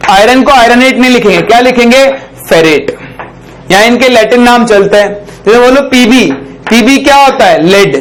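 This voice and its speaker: A male chemistry teacher with a very high-pitched voice explains a rule, often posing a question to the class and answering it himself. He writes on a board while dictating phrases slowly for notes, ending them with a checking "ठीक" as an "okay." The audio quality is poor.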